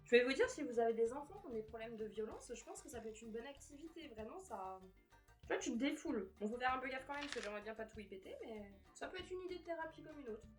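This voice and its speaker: A woman's voice: a little high, animated, fast talker, soft background music. A young woman vlogging casually at home, chatty and self-mocking, who swears when frustrated. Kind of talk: casual vlog chat. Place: apartment room, indoors.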